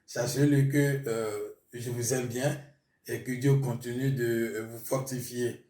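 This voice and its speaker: A pastor from Burkina Faso, a man whose first language is Mooré, gives his testimony in an interview, hesitant and full of fillers. His mid-range voice is warm and steady in tone, a little slow. The mic sits at a distance in an echoey room.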